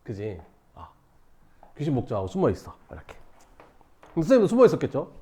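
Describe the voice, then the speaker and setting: A male teacher telling a class a story, acting out shouts and screams and laughing as he goes. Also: mid-range voice, huge pitch swings, fast. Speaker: math teacher.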